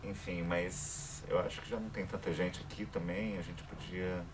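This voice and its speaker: Deep-voiced man hosting a film debate. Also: moderate pace. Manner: rambling, thinking aloud with fillers. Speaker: festival debate moderator. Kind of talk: casual post-screening debate. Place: cinema hall. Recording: distant mic with steady background noise.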